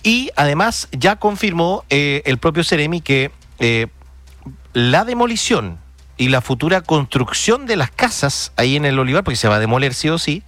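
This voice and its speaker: A man's voice: a little high, fairly bright tone, dry recording. A man hosting radio news, commenting emphatically with rhetorical questions and fillers.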